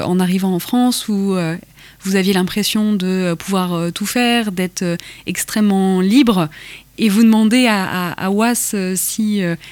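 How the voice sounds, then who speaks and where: A woman's voice: mid-range voice, a little mellow, no echo. Dry-sounding woman interviewer. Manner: measured, hesitant questioning. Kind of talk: interview questions.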